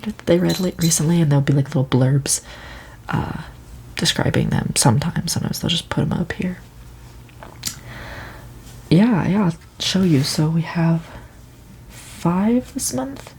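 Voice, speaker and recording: A woman playing a friendly, casual librarian in an ASMR ASMR role-play, with a hushed library voice that slips into speaks softly and halting, hesitant phrasing. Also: deep voice, slight background noise. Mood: friendly, encouraging, then casual, explaining. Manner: hesitant, unhurried, halting delivery. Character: friendly, casual, helpful female librarian at the checkout desk.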